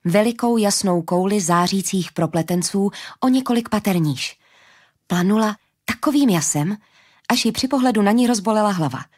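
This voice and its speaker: A woman narrating a fantasy audiobook in a steady, even storytelling manner. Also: medium pitch.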